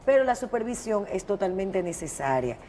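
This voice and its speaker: A woman co-host with a Dominican accent comments on current news. Her voice is soft-edged and mellow at a medium pitch. The room rings with reverb. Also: big pitch swings, moderate pace. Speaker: talk show co-host. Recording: reverberant room with background noise.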